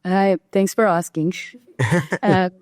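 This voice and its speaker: A woman from Israel, a real estate agent guest on a podcast, talking conversationally with many ums and pauses. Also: fairly low pitch, fairly even intonation, darkish tone, no echo, studio quality. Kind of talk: podcast interview.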